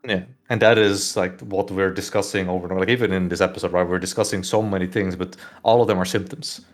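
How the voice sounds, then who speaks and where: A man's voice: sits low, steady tone, quick pace. A young Dutch man hosting a podcast, talking loosely and at length, filling his talk with "like" and "right?". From Netherlands. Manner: loose and rambling, heavy use of "like" and "right?". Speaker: podcast host. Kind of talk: casual podcast discussion.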